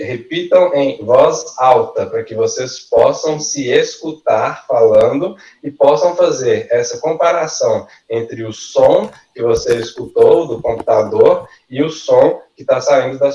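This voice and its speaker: A male teacher leads an online workshop at an unhurried pace, modelling each word carefully for his students to repeat. His voice sounds distant in an echoey room, and the recording is dull and lo-fi. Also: medium pitch, mellow. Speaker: language teacher. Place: video call.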